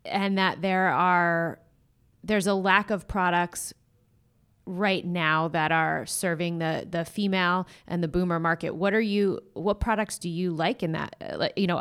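A woman hosting an interview, asking questions in a halting way with many fillers. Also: on the low side, clean tone. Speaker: host.

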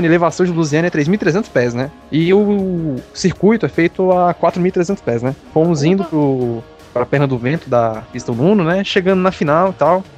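A man's voice: a little high, a little mellow, dull audio. A man in casual chat, easygoing, tagging a questioning word onto nearly every phrase. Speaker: student pilot, podcast guest.

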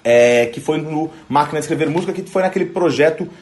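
A man hosting a music program, talking casually about a song just played, halting often with repeated restarts as he looks for words. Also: fairly high pitch, a little mellow. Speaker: music show host. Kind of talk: casual radio music commentary.

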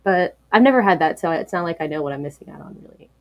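A woman's voice: on the low side, animated, a little fast, no echo, clean studio sound. A woman speaking as an interview guest, talking candidly and reflectively, with many fillers and restarts.

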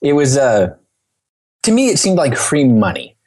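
A man's voice: medium pitch, huge pitch swings, a little slow, darkish tone. A man talking as a podcast guest, telling stories in an informal, digressive, conversational way. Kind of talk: casual conversational storytelling.

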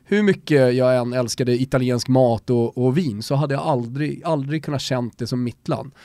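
A man's voice: mid-range voice, dark tone, no echo. A man talking earnestly in a casual podcast chat, explaining his view as a guest.

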